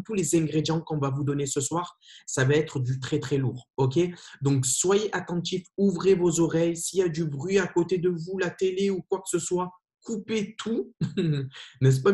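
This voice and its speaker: Energetic man hosting a video training. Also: fairly high pitch. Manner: energetic, emphatic, repeats himself. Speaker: host of a training call. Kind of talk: hyped-up webinar introduction.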